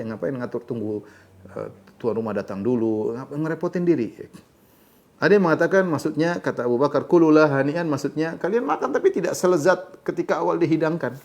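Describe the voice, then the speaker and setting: A middle-aged man giving a religious lecture, reciting short Arabic passages and then explaining them in an animated storytelling way. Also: on the high side. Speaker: Islamic teacher.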